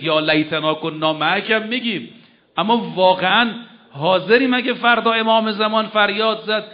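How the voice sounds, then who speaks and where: A high-pitched man delivers a sermon to a gathering. He is emphatic, slows right down for quoted verses and lets his voice rise and fall sharply. The recording sounds muffled and lo-fi. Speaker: preacher. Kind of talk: religious sermon to a live gathering. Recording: dull lo-fi recording.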